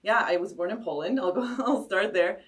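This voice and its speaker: A woman's voice: mid-range voice, a little fast, far from the mic. A woman who grew up in Canada, a podcast guest talking earnestly and often repeating her first words. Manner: earnest, repeats words when starting sentences. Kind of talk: casual interview chat.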